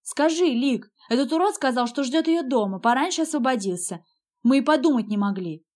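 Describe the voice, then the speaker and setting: A woman's voice: high voice, expressive, fairly quick, darkish tone, pitched above the performer's own voice. A woman voicing an angry, defensive young man, the narrator's brother, in heated, indignant outbursts in an audiobook.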